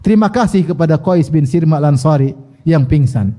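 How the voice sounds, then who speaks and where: A man's voice: fairly high pitch, lively intonation, brisk, dark tone. A man preacher giving a religious lecture. He tells the story with rhetorical questions, recites Arabic passages and chuckles now and then. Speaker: Islamic preacher.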